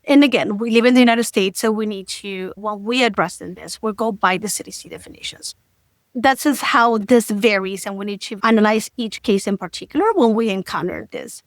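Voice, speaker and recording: A woman physician from Argentina, explaining carefully in an interview, in a measured way with many "like" and "right?" tags. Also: mid-range voice, dry recording. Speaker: infectious disease physician guest. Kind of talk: expert interview answer.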